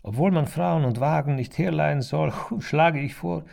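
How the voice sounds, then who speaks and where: A man doing a genial, jovial gentleman. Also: on the high side, normal speed, creaky, pitched above the performer's own voice.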